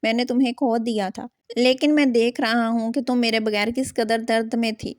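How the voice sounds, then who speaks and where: Devoted young guy doctor pleading with his love, tender, a woman reading his lines, higher voice, dry sound. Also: fairly even intonation, no room sound, lightly acted.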